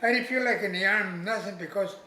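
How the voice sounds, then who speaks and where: With a high voice that sounds pushed and bright, a veteran in his eighties or older plainly recounts his service for an informal oral history. He hesitates, repeats phrases, and pauses to find his words. The room echoes, and faint background noise can be heard.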